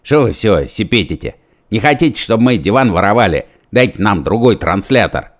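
A man voicing a hoarse, sullen young brute who likes a fight. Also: lowish voice, sing-song, a little fast.

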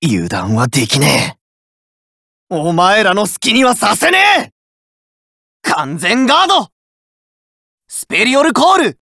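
A hot-blooded teenage card fighter from a game delivers shouted battle calls and voice lines with rough, boyish bravado and a resolute mood. His bright, forceful voice swings hugely between low growls and high shouts, dragging words out slowly between the cries. The heavily acted performance was recorded close and dry in a studio, with no echo.

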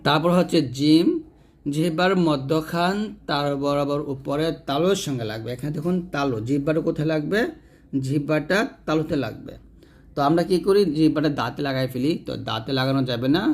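Male Quran tutor, slightly high voice, patient step-by-step delivery, repeats each sound. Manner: slow, patient instruction, repeating each letter sound several times; asks questions and answers them himself. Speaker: Quran teacher. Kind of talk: step-by-step pronunciation lesson.

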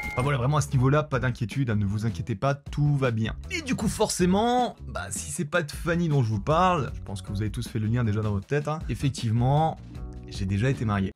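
A man hosting a storytelling vlog, talking straight to his viewers with jokey, teasing asides. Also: medium pitch. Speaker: YouTube host.

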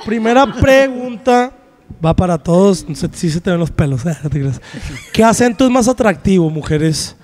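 A man with a Monterrey accent chats on his podcast in a high, bright voice. He jokes, teases and swears freely. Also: lively intonation, normal speed. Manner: joking, heavy slang, teasing. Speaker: podcast host. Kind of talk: rowdy casual chat.

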